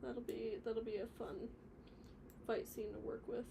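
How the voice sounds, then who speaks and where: Sitting on the floor of her home workspace, a woman live-streams her stop-motion animation, chatting casually, reading viewer comments and rambling with mumbled asides. Her voice is fairly high and gravelly, with a flat, unhurried delivery. The background is noisy.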